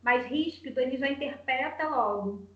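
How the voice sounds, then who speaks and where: A woman, a mother and interview guest, answering in a lively, anecdotal way. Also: high-pitched, moderate pace, echoey room, recorded from a distance, lo-fi sound.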